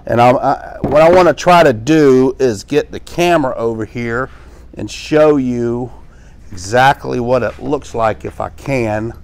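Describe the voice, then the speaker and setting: A middle-aged pressure washing instructor demonstrates equipment hands-on in a small indoor workshop lined with tool shelves. He talks casually as he works, with fillers and restarts, in a mid-range voice at a measured pace, with slight background noise.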